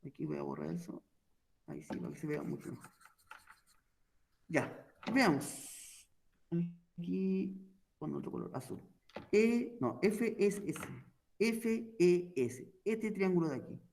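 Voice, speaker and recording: Teaching a math class for a recorded online lesson, a man with a noticeably high, gravelly voice explains each step in a steady, patient manner. He keeps pausing to make sure his students are following.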